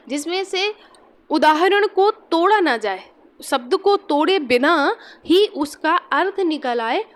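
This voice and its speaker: A young woman teaching a Hindi exam-prep lesson, patiently repeating key points and examples. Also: high voice.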